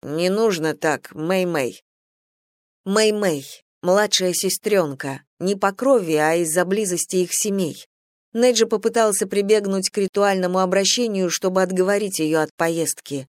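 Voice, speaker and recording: Audiobook narrator, even measured reading, mid pitch, dry close sound. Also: no room sound. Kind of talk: scripted narration.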